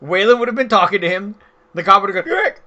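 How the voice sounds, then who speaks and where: A man's voice: high voice, fast, sharp tone, lo-fi sound. A man playing a tabletop game in a dry, wry voice. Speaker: player.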